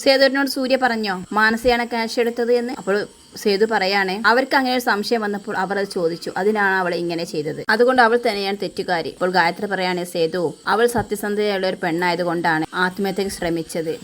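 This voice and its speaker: A woman's voice: mid-range voice, quick pace, fairly bright tone, a little hiss or hum. A woman narrating a casual recap of a TV serial episode, retelling scenes and quoting the characters one after another. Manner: breathless retelling, quoting every character in turn.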